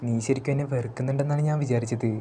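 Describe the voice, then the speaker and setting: A shy, warm young princess in a storybook retelling, read out by a man. The tone is mellow and low-key, with faint background noise behind it. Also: steady tone, racing, close to an everyday voice. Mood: tender.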